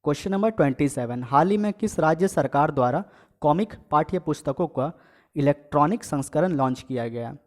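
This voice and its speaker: A man's voice: a little high, expressive, fairly quick. A man teaching an exam-prep quiz lesson, reading each question and its options aloud, then giving and repeating the answer with frequent "okay" checks to his viewers. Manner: addresses viewers as friends and guys.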